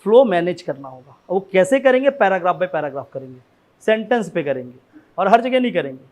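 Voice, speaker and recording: A man a notably high voice lectures a class on essay writing. He talks in a loose, conversational way, often stopping to check that his students follow. He asks rhetorical questions and keeps coming back to his main points. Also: sing-song, brisk, darkish tone. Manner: conversational, frequent "ठीक है ना" check-ins.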